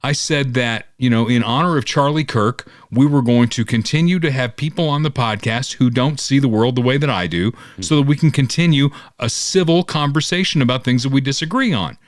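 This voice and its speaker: A man, hosting a political podcast and talking in a casual, animated way. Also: medium pitch, a little fast, few pauses, no room sound, clean studio sound. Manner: animated, mocking quoted critics. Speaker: podcast host.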